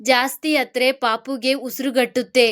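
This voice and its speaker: A woman voicing a gentle young woman who pleads softly through tears. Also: sits high, fairly even intonation, a little slow. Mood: pleading.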